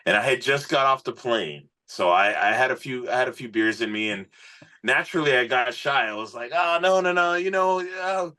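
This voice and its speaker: A man with a mid-range voice and a sharp tone speaks at a moderate pace. He comes across as a musician guest in a laid-back interview, earnest and informal, frequently tossing in "man" and "you know." He is a singer appearing on a podcast.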